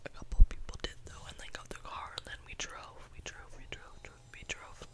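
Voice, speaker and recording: Young adult ASMR creator, fully whispered through cupped hands, breathy and close, lingering on repeated phrases. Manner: repeats phrases slowly for effect.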